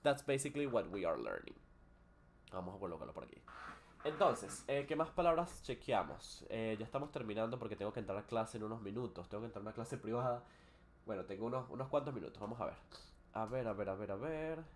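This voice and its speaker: A man's voice: on the low side, expressive, quick pace, a little hiss or hum. Man teaching English on a live stream. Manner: switches between Spanish and English, explains pronunciation with hesitant fillers.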